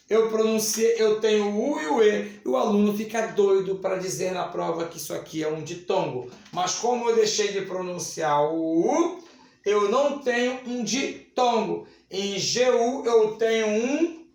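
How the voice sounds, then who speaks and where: A man's voice: high-pitched, a little slow, a little mellow. A Brazilian man teaching Portuguese grammar at a whiteboard, stretching key words and checking in with the class. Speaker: Portuguese teacher for civil service exams. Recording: very echoey room.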